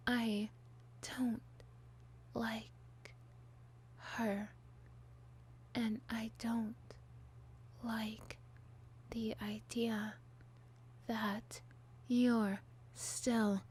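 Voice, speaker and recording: A woman voicing a possessive, obsessive young monster girl in love, an unhinged, clingy villainess, in a whispered role-play with breathy hushed stretches. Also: fairly high pitch, exaggerated voice. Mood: hushed jealousy.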